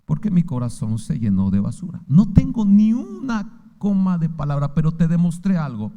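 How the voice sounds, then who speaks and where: A man's voice: fairly high pitch, mellow, lo-fi sound. A man with a Mexican accent preaching a sermon as pastor, firing rhetorical questions at his listeners with fervor. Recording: long hall reverb.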